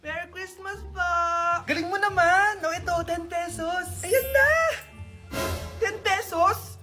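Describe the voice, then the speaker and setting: A woman's voice: very high-pitched, slow. A woman performing short comedy skits, switching between many characters. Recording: faint music underneath.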